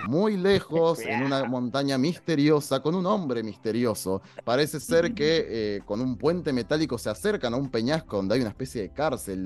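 A young Argentine man tells the story of an episode in loose, slang-filled chat. His voice swings widely up and down as he voices each character, with soft music in the background. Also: mid-range voice. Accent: Argentine Spanish. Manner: lively, slangy, acts out characters' lines. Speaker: podcast host recapping an episode. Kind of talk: casual recap with acted quotes.

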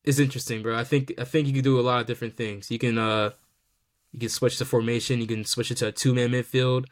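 Male podcast host, mid-pitched, loose slangy chat full of "um"s and restarts. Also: level tone, quick pace. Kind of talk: casual sports chat.

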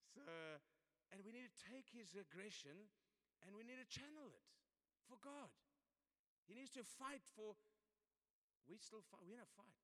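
A man's voice: high-pitched, animated, moderate pace, long pauses, pushed and bright. An older man with a South African accent, preaching a sermon to men in a chatty, storytelling way. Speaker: pastor. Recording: long hall reverb.

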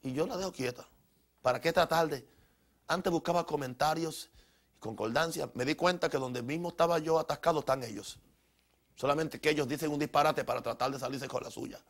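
A man's voice: fairly high pitch, fairly quick, a bit bright. A middle-aged man preaching a sermon as a pastor, emphatic, repeating his phrases and restarting often.

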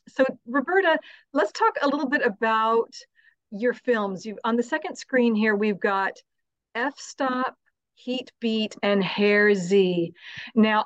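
A woman's voice: a little high, no room sound, highs cut off. A woman hosting a talk show interview, effusive and full of praise for her guest.

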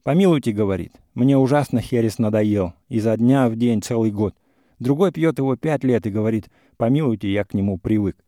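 A man voicing a hot-headed young gentleman suitor in a classic story reading, talking in a heated, insistent way. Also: medium pitch, a little fast, dry recording, studio quality, lightly acted. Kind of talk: audiobook character reading.

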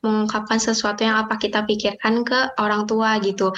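A woman's voice: medium pitch, little pitch movement, brisk, a bit bright. A woman co-interviewer asking a hesitant question with many filler sounds, on a dull lo-fi recording.

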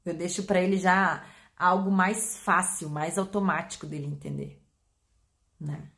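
A woman with a Brazilian Portuguese accent, a pet behavior educator explaining to her audience in an animated way, acting out examples. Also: fairly low pitch, measured pace. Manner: animated, acts out examples with voice changes.

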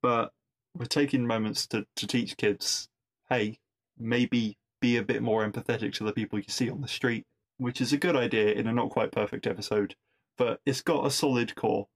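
A man at a mid-range pitch, talking through a TV episode in a loose, conversational recap. He drifts into wry asides and often repeats a word while he thinks. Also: fairly even intonation, normal speed. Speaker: podcast host reviewing episodes.

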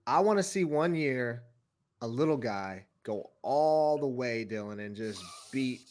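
A man of middle pitch co-hosts a relaxed sports podcast. He keeps things light and jokey and laughs easily while he moves the conversation along. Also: a little slow. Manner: upbeat, joking, laughs often. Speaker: podcast co-host. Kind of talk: casual sports chat.

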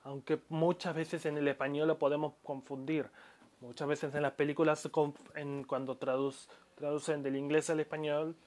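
A man's voice: fairly high pitch, flat delivery, normal speed, darkish tone. A man giving a spoken language lesson, explaining pronunciation patiently and stretching out example words, with frequent restarts. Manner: calls himself audio-lesson maker, addresses listeners. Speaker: Japanese language teacher.

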